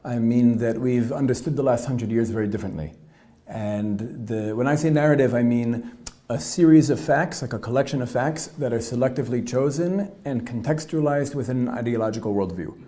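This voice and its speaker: A teacher and peace activist in a panel discussion, explaining his views in a measured, step-by-step way. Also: mid-range voice, dark tone.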